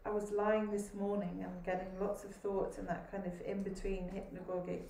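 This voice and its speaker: A woman panelist on a video call giving a calm, thoughtful answer. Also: medium pitch, moderate pace. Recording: distant echoey room, faint noise.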